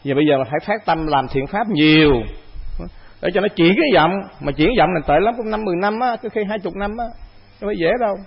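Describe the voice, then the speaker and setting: Gravelly high-voiced monk giving a talk. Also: male voice, fast, muffled recording. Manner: conversational, rhetorical questions, repeats phrases. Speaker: Buddhist monk teacher. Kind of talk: dharma talk to monastic assembly.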